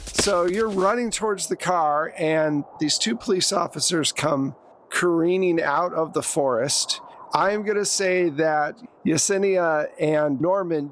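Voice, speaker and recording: Acting as game master for a tabletop roleplaying game, a man narrates what happens in plain second person and asks players for rolls, keeping it conversational. His voice is on the high side and a bit bright.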